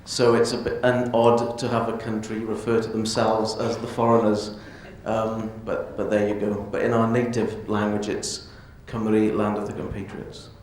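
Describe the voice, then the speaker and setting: Flat low man, echoey hall. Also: normal speed, few pauses, a little hiss or hum. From Wales. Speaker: panelist. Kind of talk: panel introduction.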